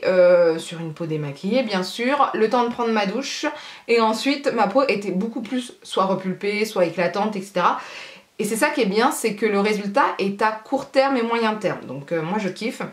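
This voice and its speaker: A woman's voice: mid-range voice, roomy sound. A woman beauty vlogger in casual haul chat, chatty and rambling with a self-mocking humor.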